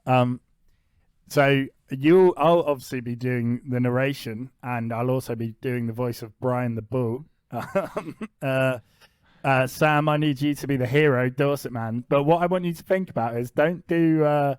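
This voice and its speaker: A man's voice: mid-range voice, fairly even intonation, clear, resonant tone, dry recording. A man hosting a comedy podcast, chatting casually and laughing often. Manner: chatty, laughs often, explains things quickly. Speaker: podcast host and narrator.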